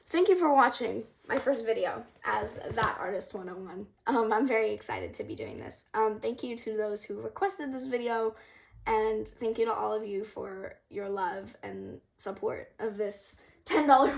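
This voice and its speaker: A woman's voice: on the high side, gravelly. A young woman casually explaining a craft project, rambling and hesitant with many ums, apologizing for her stuttering, in a room with a wooden floor. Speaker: craft creator. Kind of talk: casual tutorial vlog.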